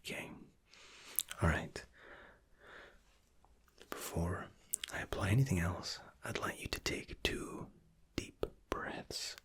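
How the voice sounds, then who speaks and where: A man doing an ASMR role-play, speaking in a soft, unhurried, courteous whisper as hotel and spa staff. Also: sits low, husky.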